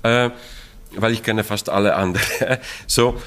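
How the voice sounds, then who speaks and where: This man speaks slowly in a lowish voice with a fairly bright tone. He's a middle-aged Polish opera stage director, a native speaker with a Polish accent, talking about a production in an interview, often laughing and hunting for words amid fillers and restarts.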